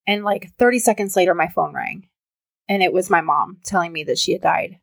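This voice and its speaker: A woman with a fairly low, creaky voice talks briskly as a podcast guest, sharing personal stories in a casual, chatty manner. She uses "like" constantly and fills her speech with fillers, and the recording sounds dry.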